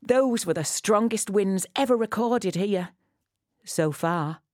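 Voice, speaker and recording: A woman giving a poetic, scripted guided narration, intimate and close as if right in the listener's ear, measured and addressing the listener directly. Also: mid-range voice, a little mellow, dry recording. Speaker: audio walk guide.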